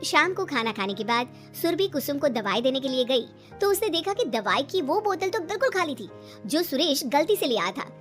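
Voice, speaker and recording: A woman narrating a cartoon moral story in a brisk storytelling manner. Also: high-pitched, sing-song. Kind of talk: storybook narration with acted dialogue. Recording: light background music.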